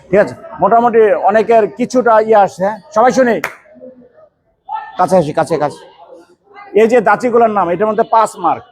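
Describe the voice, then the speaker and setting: A man runs a karate class in a training hall, barking stance names in a high voice. He quizzes the students one by one and pushes them firmly to speak clearly. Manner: loud drill calls, quizzing students, firm coaching. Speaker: karate instructor.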